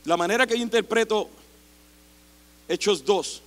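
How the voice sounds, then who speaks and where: Impassioned high-voiced male preacher. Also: measured pace. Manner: impassioned, rising to shouts. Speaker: pastor. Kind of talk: sermon. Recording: long hall reverb.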